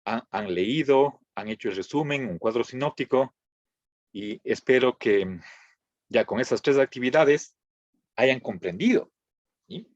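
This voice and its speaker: Man, classroom lecture, halting restarts, frequent check-ins, muffled lo-fi sound. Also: medium pitch, lively intonation, dry recording. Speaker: philosophy teacher. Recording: dull lo-fi dry recording.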